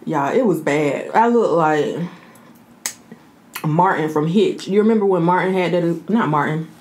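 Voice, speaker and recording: An American woman in her thirties chatting casually as a mukbang host, talking while eating and pausing to chew. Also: on the low side, a little mellow. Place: indoor room.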